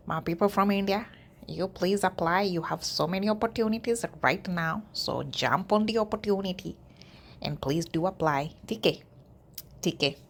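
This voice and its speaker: Chatty woman with a gravelly low voice. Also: slight background noise. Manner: chatty, addresses viewers directly. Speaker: YouTube vlogger. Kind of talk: casual walkthrough of job listings.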